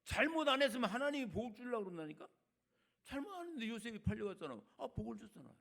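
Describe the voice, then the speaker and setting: An older man preaching a sermon as a retired senior pastor, colloquial and chatty, swinging between loud emphatic lines and quiet asides. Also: extremely high pitch, sing-song, rapid-fire, vocal fry.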